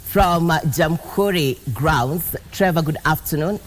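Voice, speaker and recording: A woman's voice: deep voice, measured pace, faint music behind. A female news anchor with a Kenyan accent, presenting a broadcast bulletin.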